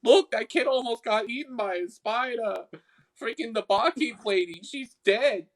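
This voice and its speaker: A man's voice: very high-pitched, moderate pace, fairly bright tone, voice pushed up. A man voicing a flighty young male sprite who stammers out excuses in a tabletop game. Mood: arguing. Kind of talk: tabletop game role-play.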